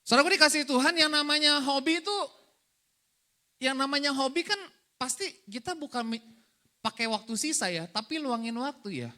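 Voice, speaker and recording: A man preaching a lively, joking sermon as pastor, often asking the congregation questions. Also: very high voice, moderate pace.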